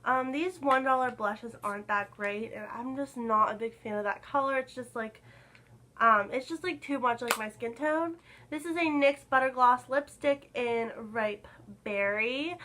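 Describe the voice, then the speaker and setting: Young woman vlogging, kinda hoarse from a cold, bright sharp voice, lots of "like". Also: on the high side, a little slow, slight background noise, rough recording. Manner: chatty, lots of "like" fillers. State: a little hoarse from being sick. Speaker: beauty vlogger. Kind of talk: casual chat to camera.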